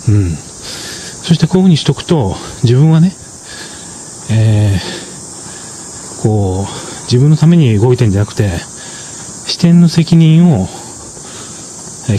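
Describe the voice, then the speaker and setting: A man reviews a drama in casual, explanatory commentary, speaking in a measured way with lots of fillers and soft tag particles. His voice is mid-range, with a little hiss or hum in the recording.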